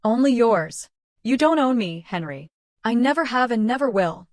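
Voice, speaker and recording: A woman's voice: mid-range voice, moderate pace, no room sound, studio quality, natural voice. A woman voicing a defensive young wife who insists and pleads, justifying herself. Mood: defiant.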